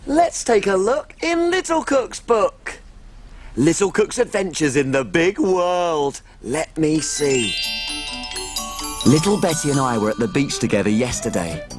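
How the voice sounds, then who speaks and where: Lively, sing-song tiny cook. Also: male voice, fairly high pitch, unhurried, soft background music. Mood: eager, excited. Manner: exaggerated, sing-song, enthusiastic. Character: Small, tiny cheerful eager little cook. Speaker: children's TV presenter. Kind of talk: playful children's show presenting and storytelling.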